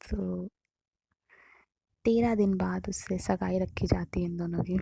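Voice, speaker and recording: A woman telling a story in a casual, conversational and hushed way. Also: lowish voice, steady tone, slow pace, gravelly, background noise.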